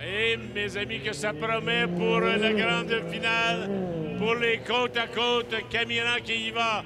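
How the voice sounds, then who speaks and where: A man's voice: very high-pitched, flat delivery, measured pace, loud music behind the voice. A Québécois man doing live motorsport commentary as a dramatic announcer who addresses the audience.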